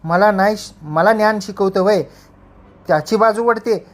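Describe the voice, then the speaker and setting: A woman's voice: mid-range voice, a little slow, close to an everyday voice. A woman voicing an enraged village mother. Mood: furious scolding. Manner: abusive rustic shouting. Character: furious scolding village mother.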